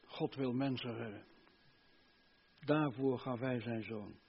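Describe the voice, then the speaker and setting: An older man preaching a sermon, fervent, swinging between loud emphasis and hushed earnestness. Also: mid-range voice, slow pace, creaky, husky, lo-fi sound.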